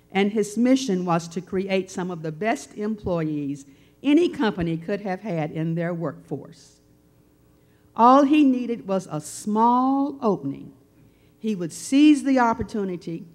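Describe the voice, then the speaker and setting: Older lady giving a tribute speech, earnest and reflective, measured pace, middle pitch. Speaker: speaker at a memorial tribute.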